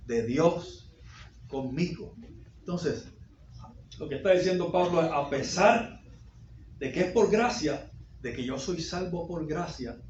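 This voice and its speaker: A man preaching a sermon as pastor, repeating phrases and rising to sudden loud peaks. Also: fairly high pitch, slight background noise. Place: church sanctuary. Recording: echoey dull church recording.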